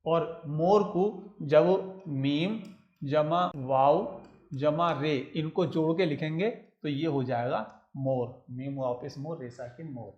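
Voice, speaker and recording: A man's voice: fairly high pitch, slow pace, darkish tone, muffled recording. A man teaching a children's writing lesson, patiently spelling out letters one by one and repeating each step. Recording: roomy echo.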